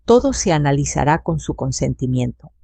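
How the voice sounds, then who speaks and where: An older woman voicing a calm, formal female health investigator who speaks in measured, procedural terms. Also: sits low, vocal fry, no echo, exaggerated voice.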